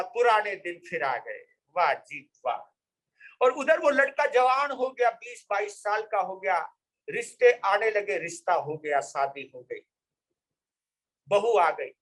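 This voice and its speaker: Man, monk, storytelling sermon, very high voice, repeats phrases for emphasis. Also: a little slow, fairly bright tone, poor audio. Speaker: Jain monk.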